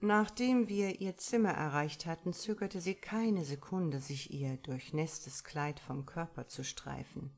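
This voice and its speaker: This audiobook reader is a woman narrating a story told in the first person. Her voice is low and deep, and she delivers it with practiced steadiness, measured yet expressive.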